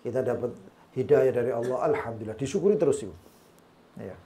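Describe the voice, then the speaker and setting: A religious teacher with a Javanese accent leads an Islamic study session, weaving Arabic quotations and humorous asides into his sermon. He talks fast in a dark, mid-range voice, with a little hiss or hum in the audio.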